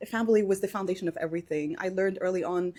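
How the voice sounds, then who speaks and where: A woman's voice: on the low side, quick pace, mellow. Chatty Moroccan-born woman guest. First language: Moroccan Arabic. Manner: chatty with frequent fillers and small laughs. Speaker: podcast guest. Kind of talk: casual interview storytelling.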